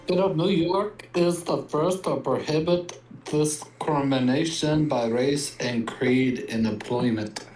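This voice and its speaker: A man reading lines in a put-on, half-robot voice with an odd foreign accent, flat and mechanical, in an echoey room. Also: fairly high pitch, slow, few pauses, recorded from a distance, soft background music. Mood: robotic.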